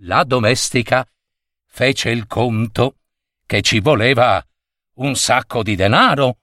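A man reading a children's story aloud, with expressive, animated storytelling. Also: mid-range voice, takes it slowly, no echo, clean studio sound.

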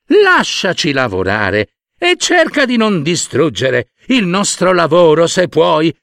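A man squeaking as tiny proud ants. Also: huge pitch swings, slow pace, vocal fry, a bit bright, no room sound, clean studio sound, exaggerated voice. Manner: squeaky, pleading, earnest. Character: tiny hard-working female ants, proud and plucky.

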